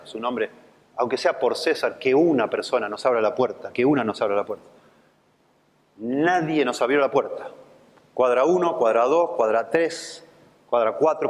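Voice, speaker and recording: A man's voice: mid-range voice, in a large hall. A man in his fifties with a Rioplatense accent, a pastor preaching with a conversational storytelling manner. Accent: Rioplatense Spanish. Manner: conversational storytelling, acts out quoted voices. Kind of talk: sermon with personal anecdote. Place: church.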